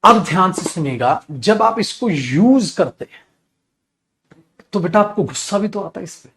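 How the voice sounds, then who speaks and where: A man's voice: high-pitched, animated, normal speed, fairly bright tone, a little hiss or hum. A man teaching an English grammar class in Hindi, calling students "beta" and acting out angry scolding examples. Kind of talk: live online grammar class.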